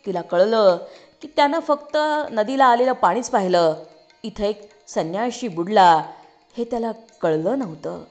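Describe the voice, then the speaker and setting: A woman of middle pitch reads a literary short story aloud with expressive, dramatic shading. Faint music sits quietly underneath her voice. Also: measured pace. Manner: expressive, rises sharply for shouted lines. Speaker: story reader.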